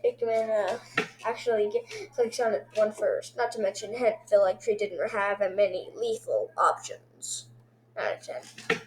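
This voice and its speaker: A woman casually reviewing episodes one by one, rambling excitedly and throwing in sound effects like boom. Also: a little slow, background noise.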